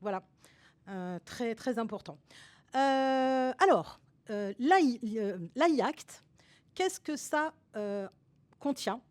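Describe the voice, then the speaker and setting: A woman's voice: on the high side, animated, slow. A woman consultant explaining a topic over slides in a webinar, hesitant and full of fillers, with restarts and tags at the ends of her sentences.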